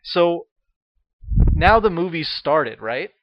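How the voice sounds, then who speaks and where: Brief: profane, animated male storyteller, slightly higher voice, lo-fi dry recording. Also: slow pace, no echo. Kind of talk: casual comedic storytelling. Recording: dull, dry lo-fi sound.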